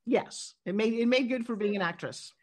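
A middle-aged woman from New York, a guest in an interview, telling stories in a quick and expressive way. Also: fairly high pitch. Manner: animated storyteller, quick and expressive. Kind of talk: interview conversation.

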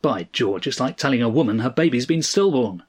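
A man's voice: mid-range voice, expressive, brisk, darkish tone, husky. A man voicing an angry, brawny male head mechanic who demands and threatens. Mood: furious. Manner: aggressive, demanding, mocking.

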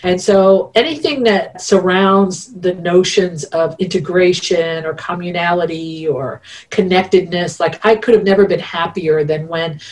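Middle-aged woman academic guest, lower voice, reflective and talkative, remote call sound. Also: a little slow, few pauses, darkish tone, recorded from a distance. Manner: reflective, talkative, many fillers. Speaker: podcast guest, network researcher. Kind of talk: casual interview talk. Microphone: remote video call.

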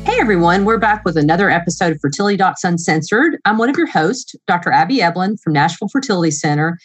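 Woman, Southern US accent, lowish voice, chatty podcast host, playful. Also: lively intonation, quick pace, slightly rough, faint music behind. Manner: chatty, playful, self-deprecating. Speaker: podcast host, fertility doctor. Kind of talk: casual podcast chat.

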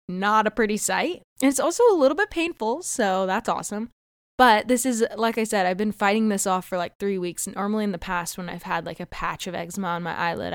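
A woman's voice: mid-range voice, smooth, no echo, clean studio sound. A young woman host chatting casually on her solo podcast, a bit stuffy and winded, rambling and laughing at herself. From United States.

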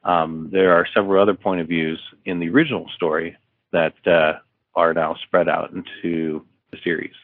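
A man's voice: low voice, little pitch movement, normal speed, dry recording. A man, an author being interviewed, casually retelling a story with many fillers and restarts. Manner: rambling with many fillers and restarts, acting out dialogue. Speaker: author guest. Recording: dry phone-like line.

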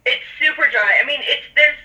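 A woman calling in on speakerphone from her car, chatting casually and quickly as a podcast guest. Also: high voice, sharp tone, far from the mic. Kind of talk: casual chat.

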